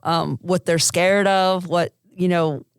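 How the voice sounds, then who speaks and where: Smooth-voiced woman doctor explaining care. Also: lowish voice, fairly even intonation, no room sound, clean studio sound. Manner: thoughtful, measured, uses fillers. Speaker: oncologist guest. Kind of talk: interview answer.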